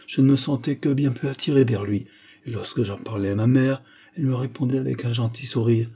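A man's voice: medium pitch, fairly even intonation, a little fast, dark tone, breathy edge. A man voicing a shy, hesitant young widowed mother in a romance story read aloud. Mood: bashful. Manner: hesitant, modest.

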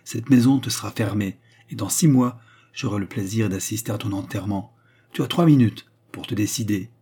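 A man's voice: on the low side, moderate pace, slightly rough. A man voicing a domineering older man who berates and threatens his brother, in a storybook reading. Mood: menacing. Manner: threatening, forceful.

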